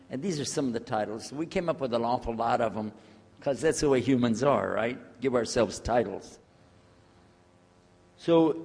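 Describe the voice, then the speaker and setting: A man giving a casual, joking lecture to a live audience, checking in with them as he talks. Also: mid-range voice. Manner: jokey, chatty, checks in with the audience. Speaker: speaker on Islamic outreach. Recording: long hall reverb.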